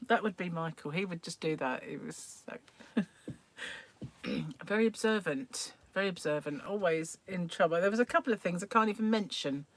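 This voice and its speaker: A woman's voice: lowish voice, normal speed. An older woman, hosting a live stream and telling family stories in a chatty way, laughing often between remarks. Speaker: livestream host. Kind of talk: casual anecdotal chat.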